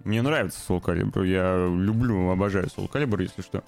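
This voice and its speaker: A man's voice: deep voice, brisk, gravelly, a little mellow, soft background music. A man hosting a gaming and film news show, commenting informally and hesitantly with ironic asides.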